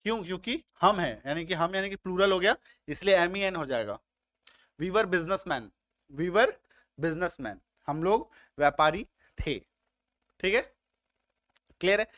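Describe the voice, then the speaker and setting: Male grammar teacher, high voice, dry close mic, patient and repetitive, checks understanding often, slightly under the weather. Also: expressive, measured pace, long pauses, fairly bright tone, no echo. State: slightly unwell, coughing. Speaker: English teacher. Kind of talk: Hindi-medium spoken English grammar lesson.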